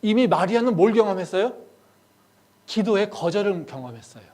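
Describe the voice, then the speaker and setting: A man with a high voice preaches a sermon in a church. His delivery swings between hushed, low-key talk and loud, impassioned appeals to the congregation. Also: lively intonation, a little fast. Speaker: pastor.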